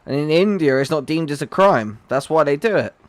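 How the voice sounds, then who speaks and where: A man's voice: fairly high pitch, lively intonation, fairly quick, no room sound. A man hosting a gaming livestream, chatting casually and jokingly with his viewers. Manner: chatty, joking, talks to chat by name. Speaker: livestream host.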